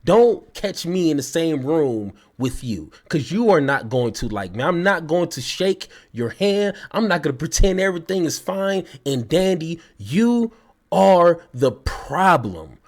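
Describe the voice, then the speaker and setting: A man's voice: on the high side, lively intonation, normal speed, few pauses. A man giving an angry reaction commentary, heated and mocking, stumbling over his words when worked up.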